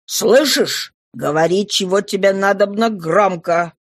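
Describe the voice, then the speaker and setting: A woman's voice: medium pitch, measured pace, no echo, studio quality, natural voice. A woman voicing a harsh, mocking male police inspector who barks orders, in a storybook reading. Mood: scornful, commanding. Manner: barking, scornful.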